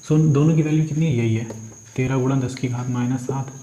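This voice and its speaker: A man walks students through physics sums in a mellow, coaxing voice, posing each question and answering it himself. His voice rings in an echoey room, with faint insects chirping behind. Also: medium pitch, fairly even intonation, a little fast, a little hiss or hum. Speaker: physics teacher. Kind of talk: working numericals step by step.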